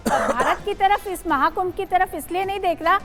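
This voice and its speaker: Firm, indignant high-voiced woman. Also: normal speed, fairly bright tone, soft background music. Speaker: debate panelist. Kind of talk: heated debate argument.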